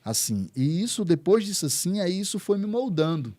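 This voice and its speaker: A man's voice: sits high, sing-song, moderate pace, warm tone. A man, a pastor, telling his testimony as an interview guest, earnest and repeating words for emphasis. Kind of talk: emotional testimony in conversation.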